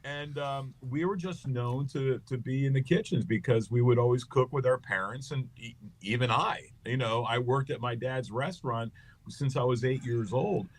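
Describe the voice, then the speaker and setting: A middle-aged comedian from the United States, with a medium-pitched voice at a moderate pace, tells rambling, joking anecdotes stuffed with fillers as a guest in a casual interview. The audio quality is poor.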